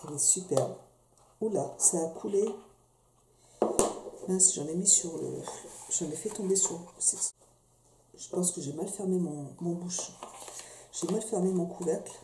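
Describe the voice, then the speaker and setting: A woman's voice: lowish voice, measured pace, long pauses. A woman casually reviewing beauty products at home, chatty and hesitant, with many fillers and restarts. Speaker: beauty vlogger. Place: home room. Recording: echoey room with faint noise.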